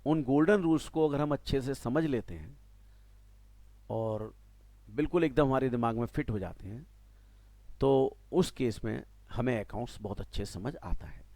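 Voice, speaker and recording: Animated Indian man teaching tax. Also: medium pitch, moderate pace, no echo. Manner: animated, mixes Hindi and English, asks students "clear?". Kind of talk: classroom lecture.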